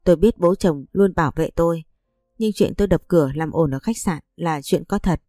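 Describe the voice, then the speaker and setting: Low mellow woman narrating a story. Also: moderate pace, dry recording, clean studio sound, soft background music. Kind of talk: first-person story narration.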